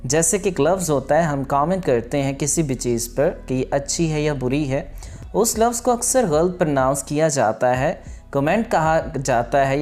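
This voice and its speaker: A woman teaching English pronunciation in an online lesson, repeating each word slowly and carefully. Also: deep voice, warm tone.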